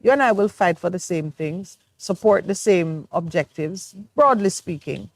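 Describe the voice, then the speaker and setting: A morning talk show co-host from Jamaica talks through her views in an earnest, reflective way during a studio discussion. Her lowish voice is expressive and a little mellow, measured in pace, with no room sound.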